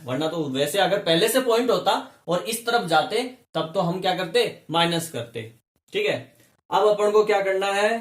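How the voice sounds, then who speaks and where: Man, chemistry teacher, high pitch, step-by-step explaining, rhetorical questions, echoey room. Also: fairly bright tone. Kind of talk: classroom lesson.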